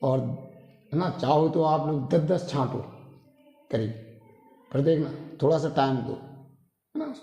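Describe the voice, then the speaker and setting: A man giving a pronunciation lesson in a repetitive, drilling way, often checking in with his listeners. His voice is mellow and a little high. It is recorded in a roomy space with a long, hall-like echo. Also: unhurried, pauses often. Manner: repetitive, drilling, frequent tag questions. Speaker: English pronunciation teacher. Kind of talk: classroom-style lesson.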